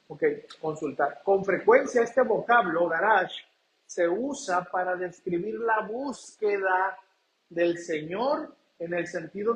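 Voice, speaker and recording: A man's voice: high voice, a bit bright. A man from Mexico preaching a sermon, often calling out to the congregation and asking rhetorical questions. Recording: echoey church room.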